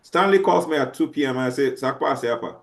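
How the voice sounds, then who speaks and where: A male teacher with a fairly high voice lectures his class. He speaks haltingly, full of fillers and restarts, and keeps checking that the students are following.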